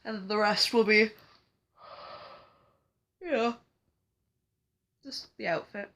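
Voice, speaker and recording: A woman's voice: mid-range voice, slow, a bit bright. A young woman chatting to camera in a rambling, giggly way, sounding congested from a cold. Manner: rambling, giggly, lots of fillers. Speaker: cosplay vlogger. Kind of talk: casual chat to camera.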